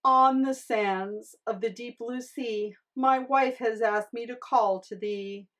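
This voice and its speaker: A woman voicing a meek, kindly fisherman, a reluctant husband in a storybook tale, speaking in a gentle, hesitant, pleading way. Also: fairly high pitch, fairly even intonation, slow. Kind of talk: storybook character acting.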